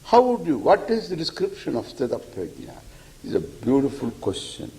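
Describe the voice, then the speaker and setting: Animated man teaching scripture. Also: mid-range voice, normal speed, rough recording. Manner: animated storyteller, chuckles often, recites Sanskrit verses. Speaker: spiritual teacher. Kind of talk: lecture on scripture.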